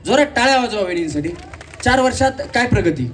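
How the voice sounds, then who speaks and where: High-pitched man hosting a live stage game, jokey and teasing, mic set back with a faint crowd behind. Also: animated, fast, recorded from a distance, slight background noise. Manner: teasing, playful, shouts rhythmic game calls. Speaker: game show host. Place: community event stage with audience.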